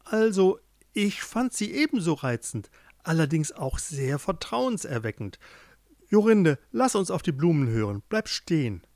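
A man's voice: a little high, big pitch swings, unhurried, darkish tone, no echo, clean studio sound. A man voicing an earnest young man devoted to his beloved in a fairy tale, with an emotive delivery. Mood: persuading.

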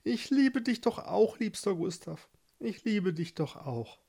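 A man's voice: a little high, sing-song, slow pace, a little mellow, slightly rough, heavily acted. A man doing a sweet young woman. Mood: tender.

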